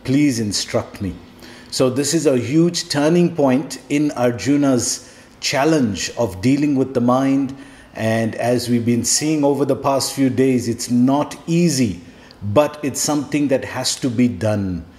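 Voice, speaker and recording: A man's voice: medium pitch, unhurried, darkish tone. A man teaching a scripture lesson as a devotional lecture, explaining step by step, posing rhetorical questions and checking in with a questioning "hmm?". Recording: echoey room.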